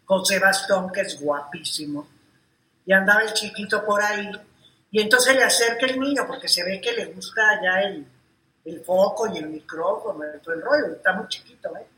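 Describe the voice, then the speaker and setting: A woman co-hosting a gossip chat, an animated, slangy, teasing storyteller. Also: medium pitch, normal speed. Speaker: gossip show co-host. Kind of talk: casual showbiz gossip chat. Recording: echoey room.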